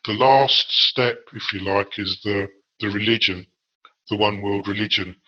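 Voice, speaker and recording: Low monotone english guy, slow and hesitant with lots of ums, sounds muffled and lo-fi. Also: a little hiss or hum. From England. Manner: measured, hesitant with frequent fillers. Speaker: guest researcher. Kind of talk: interview answers. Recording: dull lo-fi audio.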